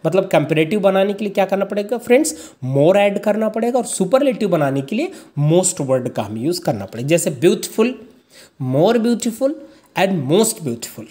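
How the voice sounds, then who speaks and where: A teacher gives an online grammar lesson, reads the rules slowly word by word, reads out word pairs as a list and keeps calling the viewers friends. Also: medium pitch, very animated, mellow. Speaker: English teacher. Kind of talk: online grammar lesson explaining slides in Hindi.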